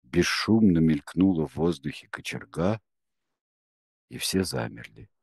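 A man's voice: sits low, sing-song, a little slow, creaky, a little mellow, breathy edge, no echo, studio quality. A man reading an audiobook aloud with dramatic, gripping narration.

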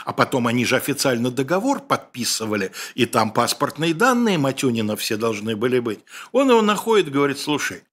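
A man's voice: on the high side, fairly bright tone. A man presenting a spoken history lecture in an ironic, colloquial storytelling manner.

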